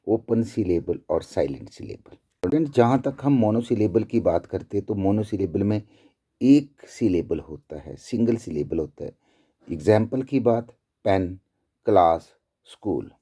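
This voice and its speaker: A male teacher giving a slow, deliberate lecture, explaining each point with repeated examples. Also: low voice, dark tone, breathy edge. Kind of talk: classroom lecture.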